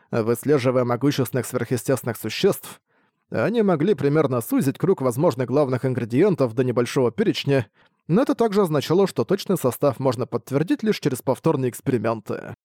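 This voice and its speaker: A man narrating a fantasy audiobook in a steady, even reading voice. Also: medium pitch, a little fast, dry recording, studio quality.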